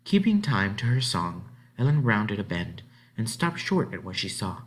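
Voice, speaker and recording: A man with a lowish voice reads a children's book aloud in an expressive storytelling manner, using dramatic phrasing and stretched-out words.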